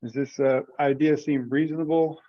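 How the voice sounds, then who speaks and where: In a committee teleconference, a man with a fairly high, steady voice walks through a proposal at a moderate pace. The recording is dry but the audio muffled, and his informal delivery is tentative, as if thinking aloud and looking for agreement.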